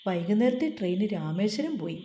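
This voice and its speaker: A woman's voice: medium pitch, lively intonation, fairly quick, mellow, roomy sound, lightly acted. A woman voicing a cheerful young man who jokes lightly in a spoken storybook. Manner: cheerful, joking.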